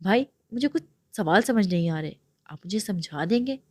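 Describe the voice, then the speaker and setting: A woman's voice: mid-range voice, expressive, darkish tone, no room sound, lightly acted. A woman reading aloud, voicing a timid young girl who stammers nervously. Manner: stammering, fearful.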